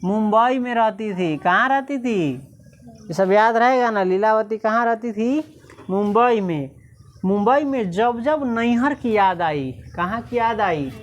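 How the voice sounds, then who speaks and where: A woman's voice: a little high, expressive, takes it slowly. A woman teacher explaining a story, asking her class questions and answering them herself, slipping into village dialect.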